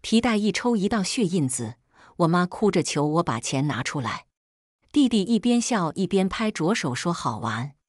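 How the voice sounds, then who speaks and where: A woman telling a first-person story as a scripted narration, in a steady, plain way. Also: on the low side, moderate pace, no room sound, clean studio sound. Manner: steady, plain recounting of a harsh family story.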